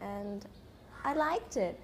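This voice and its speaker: Young actress giving short soft answers. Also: female voice, medium pitch, animated, slow pace, slight background noise. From Hong Kong. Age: young adult. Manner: short soft replies, giggles often. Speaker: film actress. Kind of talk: interview answers.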